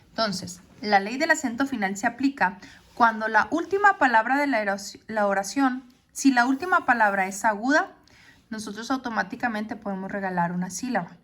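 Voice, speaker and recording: Female teacher, explains patiently step by step, checks in with short questions, mid pitch. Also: fairly bright tone. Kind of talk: classroom lesson on poetry.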